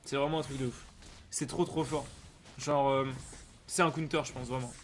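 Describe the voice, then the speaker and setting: A man's voice: mid-range voice, steady tone, normal speed. A man streaming a video game with casual, rambling commentary full of gamer slang and repetition. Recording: clear background noise.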